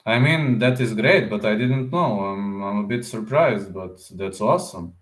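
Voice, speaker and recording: On a live stream with a roomy echo, a man with a fairly low voice talks at normal speed. He's a combat sports YouTuber rambling through casual chat, responding out loud to viewer comments, repeating himself and frequently closing lines with "man."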